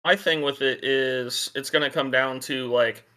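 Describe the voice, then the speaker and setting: This man's voice sounds bright and slightly tense, at an ordinary middle pitch. He speaks loosely in a casual podcast chat and keeps hedging his points. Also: steady tone, measured pace. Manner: loose, hedging with 'like' and 'kinda'. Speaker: podcast co-host.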